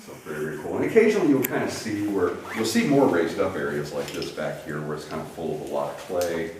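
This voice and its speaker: Echoing cave guide, low-pitched man. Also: lively intonation, fast talker, a little mellow. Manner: folksy, joking with the group. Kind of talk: informal guided tour commentary. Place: inside a cave. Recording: echoing cave, far mic, noisy.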